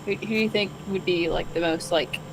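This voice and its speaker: A woman's voice: fairly low pitch, brisk, background noise. A woman chatting in character in fantasy improv, teasing and bawdy.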